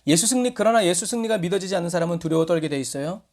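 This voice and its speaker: A man preaches a Sunday sermon in a fairly high, animated voice. His pitch rises and falls widely as he asks his congregation questions. He acts out short quoted scenes along the way. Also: racing. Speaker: pastor.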